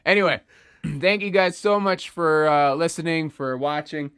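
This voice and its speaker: A man's voice: on the high side, unhurried, a bit bright, clean tone, no room sound. Laid-back swearing male podcast co-host. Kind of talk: casual chat.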